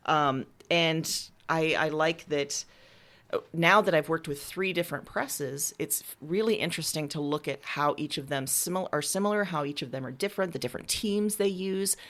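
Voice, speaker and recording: In a relaxed interview, a female writer and musician discusses her creative work candidly and with enthusiasm. She speaks at a normal speed in a low, slightly bright voice.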